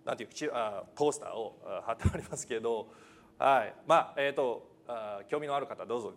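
Halting non-native man giving a sermon. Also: mid-range voice, vocal fry. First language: not Japanese. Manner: halting, many fillers, self-deprecating humor. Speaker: preacher. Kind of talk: church sermon with announcements.

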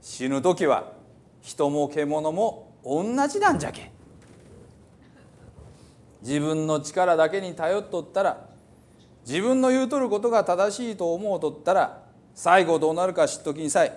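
A man's voice: a little high, lively intonation, measured pace, long pauses, pitched above the performer's own voice. A man reading scripture aloud as a stern old psalmist, declaiming in an old Hiroshima dialect. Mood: solemn warning. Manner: emphatic, declaiming. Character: stern old male psalmist preaching mortality.

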